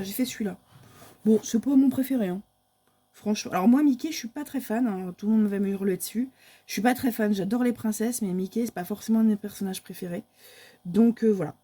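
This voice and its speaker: A woman's voice: on the high side, dark tone, a little hiss or hum. A woman, casually showing her month's coloring pages in a chatty, hesitant way with many fillers. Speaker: crafting vlogger. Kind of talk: casual show-and-tell of coloring books.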